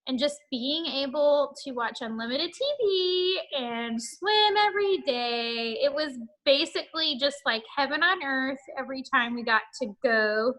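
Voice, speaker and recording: A woman in her thirties sharing fond family memories of her grandmother in a halting, casual way, with many fillers and restarts. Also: high-pitched, animated, a bit bright, rough recording. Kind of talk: casual spoken tribute.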